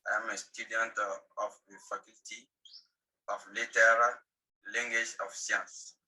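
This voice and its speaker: Low-voiced young Malian-accented man. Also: little pitch movement, a little slow, pushed and bright, rough recording. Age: 20s. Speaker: student. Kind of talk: self-introduction.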